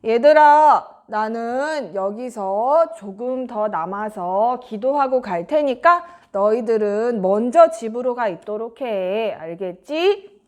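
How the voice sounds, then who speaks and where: A woman voicing a gentle, calm grown man who speaks softly and slowly to reassure. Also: on the high side, voice pushed down. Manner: soft, slow, reassuring.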